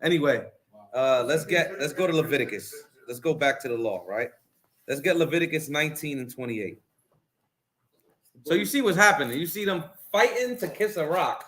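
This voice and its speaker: A man's voice: on the high side, animated, moderate pace, fairly bright tone. A man hosting a religious commentary stream, preaching and mocking the clips he has his co-host play.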